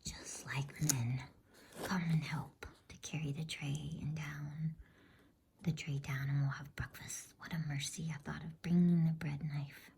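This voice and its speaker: A woman plays a fussy, motherly female beaver from a storybook. She scolds briskly in a very breathy whisper. The tone is low and mellow. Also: steady tone, heavily acted. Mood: fussy, practical. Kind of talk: whispered ASMR storybook reading.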